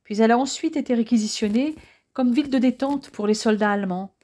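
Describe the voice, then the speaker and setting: A woman's voice: a little high, fast, dark tone, lightly acted. A woman reading the lines of an affectionate young woman who loves history, in an audiobook.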